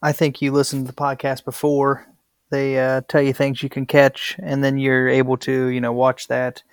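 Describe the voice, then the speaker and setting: A man's voice: mid-range voice, monotone, normal speed, clear, resonant tone, dry recording, clean studio sound. A young adult man in casual podcast conversation, recorded inside a closet.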